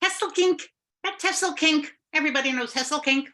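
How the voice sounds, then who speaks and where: A woman storyteller voicing a tiny, mischievous female witch in a high, playful, singsong voice. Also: fairly quick, sharp tone.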